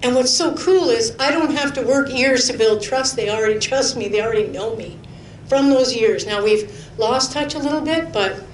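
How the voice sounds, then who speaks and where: A middle-aged woman, preaching a sermon full of personal testimony in an earnest, chatty way. She laughs often and drops to a near-whisper for emphasis. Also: normal speed. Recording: roomy hall echo with faint rumble.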